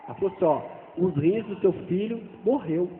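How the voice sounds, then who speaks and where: A man, a father, gives an earnest personal testimony in church, talking haltingly and repeating phrases as he goes. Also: high-pitched, a little hiss or hum. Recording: tinny, echoey hall sound.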